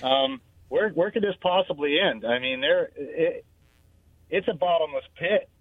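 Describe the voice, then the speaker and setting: A man's voice: fairly high pitch, measured pace, dry recording. Man calling in over tinny phone line. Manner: hesitant, wry, trails off with fillers. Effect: phoned-in voice on a call-in radio show. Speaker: radio show caller. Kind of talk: casual call-in chat.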